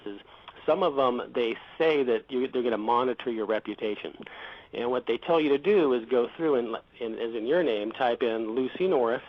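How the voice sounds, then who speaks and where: A man answering interview questions about his business, speaking hesitantly with many fillers and restarts. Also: medium pitch. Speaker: reputation management company founder. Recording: dull lo-fi audio.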